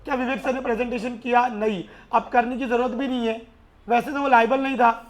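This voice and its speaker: A man teaching a class in a lively way, often urging his students to answer and mixing English terms into his speech. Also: extremely high pitch, brisk. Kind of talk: classroom lecture.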